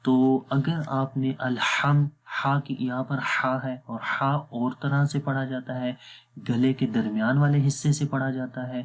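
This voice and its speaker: A man teaching Quran recitation rules in a patient lesson, often checking whether the listener follows and slowing down to sound out Arabic words. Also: mid-range voice. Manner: patient, repeats "theek hai?" to check understanding. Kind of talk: explanatory lesson.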